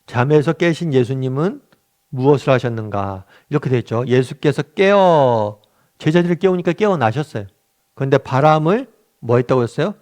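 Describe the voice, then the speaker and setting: A man's voice: mid-range voice, lively intonation, moderate pace, a little mellow. A middle-aged male pastor leading a weekly Bible study, talking conversationally, asking the group questions and acting out quotes. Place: church meeting room.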